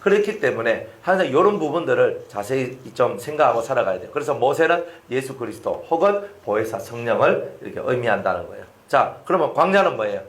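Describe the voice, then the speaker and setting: A man's voice: medium pitch, a little fast, hardly any pauses, reverberant. A man preaching a sermon, asking his listeners questions and acting out the lines of the people in his story. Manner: animated, asks the congregation questions and acts out quoted lines. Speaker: pastor.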